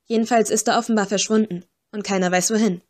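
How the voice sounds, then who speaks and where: A poised young female agent who reasons calmly, voiced by the woman narrating. Measured and even, close to the reader's own voice. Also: mid-range voice, lightly acted.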